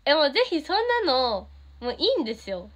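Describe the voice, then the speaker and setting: A woman's voice: sits high, expressive, fast. A teenage girl with a Kansai accent, chatting casually on a livestream, reading fan comments and giggling often. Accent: Kansai Japanese. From Japan. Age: teens. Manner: bubbly, giggly, easily delighted by comments. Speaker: idol streaming to fans.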